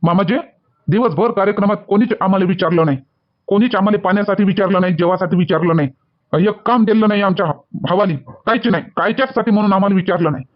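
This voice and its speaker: A man's voice: high voice, quick pace, lightly acted. A man with a Varhadi Marathi accent playing a touchy young son-in-law who scolds and repeats himself, angry at feeling slighted. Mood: aggrieved. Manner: shouting, repetitive scolding. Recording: dull lo-fi sound.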